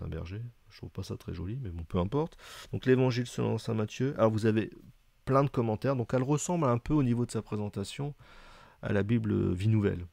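A man's voice: sits low, gravelly, warm tone, breathy edge, dry recording. A man giving a casual, explanatory review, talking hesitantly with many fillers and chatty asides. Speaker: video presenter reviewing books.

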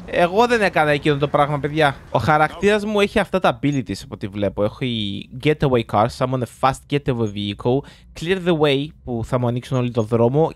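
A young man, chatting through live gameplay commentary and reacting loudly to what happens on screen. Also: on the high side, a little hiss or hum. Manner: chatty, reacts loudly to the game, mixes in English words. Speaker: gaming YouTuber.

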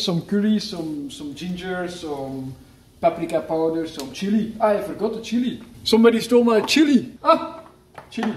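A man's voice: sits high, darkish tone, a little hiss or hum. Playful man cooking at home. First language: Dutch. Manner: playful, jokey, restarts mid-phrase. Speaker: cooking vlogger. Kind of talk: casual cooking demo. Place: home kitchen. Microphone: camera mic, handheld and moving. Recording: echoey kitchen with frying sizzle.

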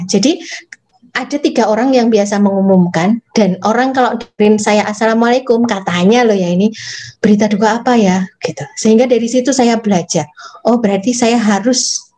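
Soft-voiced woman teaching public speaking. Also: a little high. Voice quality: soft, gentle voice. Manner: chatty, addresses audience as Bapak Ibu; demonstrates phrasing by reading aloud. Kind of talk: online workshop lecture.

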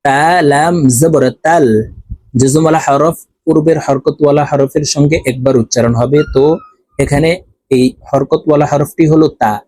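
A man with a Bangladeshi Bengali accent, teaching Quran reading with slow, drawn-out syllable drills and repeated words. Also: fairly high pitch, fairly even intonation, warm tone, dry recording. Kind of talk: step-by-step recitation lesson.

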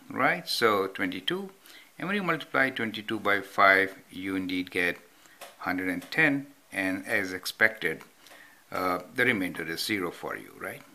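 A lowish, bright and forceful male voice guides viewers through a math problem step by step as he writes it out. The teacher, off camera over handwritten notes, keeps checking in with "right?".

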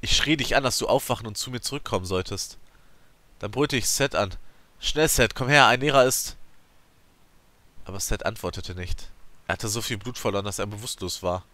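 Male let's play host, dramatic storyteller; low pitch, bright tone, surging and dropping loudness. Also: a little fast. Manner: emotive, theatrical storytelling with swings in loudness. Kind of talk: dramatic reading of a game's story text.

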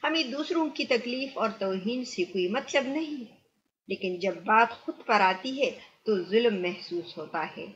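A woman's voice: a little high, lively intonation. Earnest woman narrating a moral story. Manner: earnest, addressing viewers. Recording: muffled lo-fi recording.

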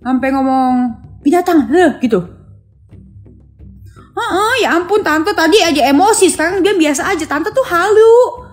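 A woman's voice: extremely high pitch, expressive, unhurried, soft background music. A young woman ranting sarcastically on a phone live stream, mocking and mimicking someone. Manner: taunting, sarcastic, mimics others.

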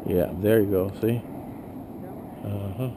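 A middle-aged man coaching his wife as she fishes from a small boat, calmly repeating short instructions. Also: fairly low pitch, takes it slowly. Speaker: husband filming a fishing trip. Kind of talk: casual coaching while fishing. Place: small boat on a river outdoors. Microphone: head-mounted action camera. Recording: outdoor wind and water noise. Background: boat and water noise.

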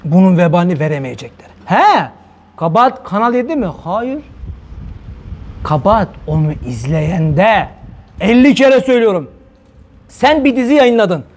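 A man's voice: high-pitched, very animated, normal speed, long pauses. A male preacher giving a heated religious talk, firing rhetorical questions at his listeners. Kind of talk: fiery religious talk to viewers.

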